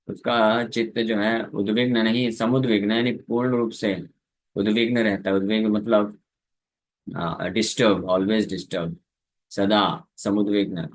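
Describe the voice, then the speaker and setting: A man preaching a scripture lecture, explaining Sanskrit verses in Hindi with English words mixed in and sometimes singing the verses. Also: fairly low pitch. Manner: sings verses slowly between spoken explanation.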